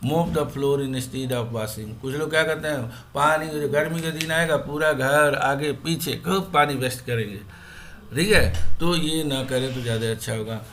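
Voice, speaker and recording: A man's voice: medium pitch, fairly bright tone, a little hiss or hum. Man teaching a class lesson. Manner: mixes English terms into Hindi, with pauses and restarts. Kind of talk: explaining a school lesson.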